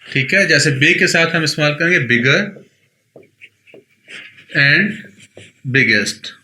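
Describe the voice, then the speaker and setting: A man's voice: a little high, expressive, takes it slowly, pushed and bright. A man with a Pakistani Urdu accent teaching an English grammar lesson, patiently repeating points and checking that his students follow. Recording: echoey room with faint noise.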